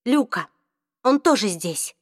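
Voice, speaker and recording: With clean studio sound and no room echo, a woman with a medium-pitched voice plays a defiant teenage girl. She speaks slowly and expressively.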